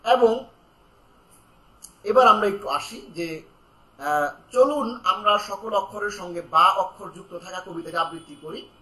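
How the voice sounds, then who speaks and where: A man teaching Quran pronunciation in an online lesson, calling out syllables loudly for students to repeat and explaining slowly in between. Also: high voice, echoey room, rough recording. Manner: slow, explaining calmly between drills.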